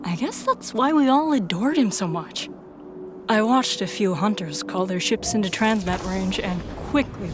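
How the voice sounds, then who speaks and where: Over some background noise, a woman with a mid-range voice reads scripted first-person narration, playing both narrator and protagonist of an audio drama.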